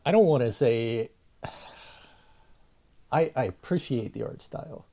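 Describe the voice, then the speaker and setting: A man co-hosting a podcast, chatting casually in a hesitant, halting way and often repeating words. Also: medium pitch, lively intonation, dark tone. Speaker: podcast co-host. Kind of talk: casual chat.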